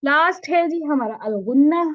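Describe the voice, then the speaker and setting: A woman's voice: sits high, animated, moderate pace, no echo, muffled recording. A woman teaching Tajweed in an online lesson, patiently repeating points and asking checking questions.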